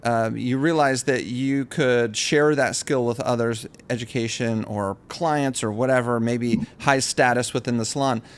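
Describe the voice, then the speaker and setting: A man's voice: mid-range voice, steady tone, unhurried, few pauses, smooth. Reflective man hosting a hair podcast. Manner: reflective, rambling, restarts phrases. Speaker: podcast host. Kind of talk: casual podcast interview.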